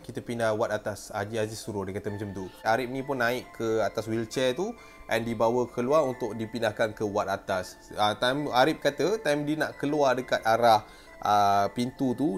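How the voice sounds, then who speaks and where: A man with a Malaysian Malay accent telling a ghost story in a casual way, acting out sounds and voices with animated delivery. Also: mid-range voice. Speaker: storyteller host.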